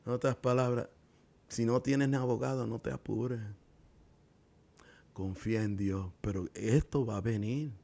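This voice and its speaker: A male pastor preaching a sermon from his living room, swinging from hushed tones to loud emphatic bursts. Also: medium pitch, fairly even intonation, a little slow, vocal fry, long pauses.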